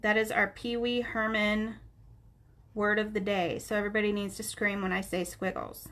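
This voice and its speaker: With a stuffed-up nose giving her a nasal sound, a woman leads a coloring lesson on a live stream and chats with viewers by name. Her voice is medium-pitched, a bit bright, with little pitch movement and a normal speed.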